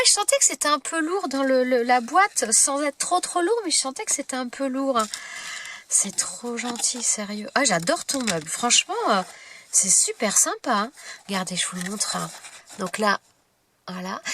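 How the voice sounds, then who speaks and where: A somewhat high-voiced woman speaks with a blocked, stuffy nose as she chats through an unboxing. She rambles, gushes and fills her pauses. Her voice is picked up from a distance, over clear background noise. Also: a bit bright. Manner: chatty, gushing, many fillers. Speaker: craft vlogger. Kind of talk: casual unboxing chat.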